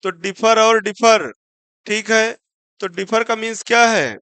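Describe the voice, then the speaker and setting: A man's voice: sits high, bright, forceful tone, smooth, dry recording. A man teaching an exam-prep English vocabulary lesson, mixing Hindi with English terms, asking his own questions and spelling words out letter by letter. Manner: spells words out letter by letter and slows right down on example sentences.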